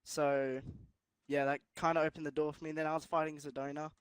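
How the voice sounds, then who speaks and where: A man talking about his sim race win, modest and a little hesitant. His voice is smooth and sits slightly high. The sound is dry and close. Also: little pitch movement, fast, no echo. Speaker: race winner guest. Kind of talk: casual interview answers.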